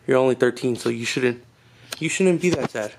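Over a noisy background, a young vlogger with vocal fry and a medium-pitched, moderately paced voice jokes around on camera. He's indoors in his small house, handheld camera at arm's length, teasing and laughing a lot during the casual chat.

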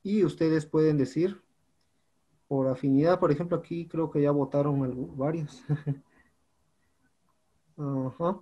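A man's voice: a little high, fairly even intonation, slow, long pauses, mellow, slightly rough, dull audio. A male teacher, patiently walking his students through an online class platform and often checking in with them. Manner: patient, repeats "compañeros" and "¿sí?" often.

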